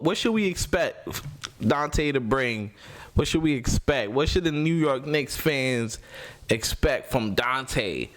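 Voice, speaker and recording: Slow-talking male podcast host. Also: mid-range voice. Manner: repeats words in quick bursts. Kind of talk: casual sports podcast chat.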